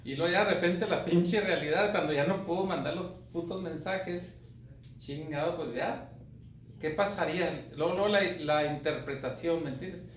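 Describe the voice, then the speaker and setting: Mexican guy swearing a lot while he talks, kinda high voice, sounds far from the mic in an echoey room. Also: normal speed. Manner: profane, colloquial, often asks "me entiendes". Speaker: speaker on grief. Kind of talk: casual talk. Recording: echoey room, distant mic, faint noise.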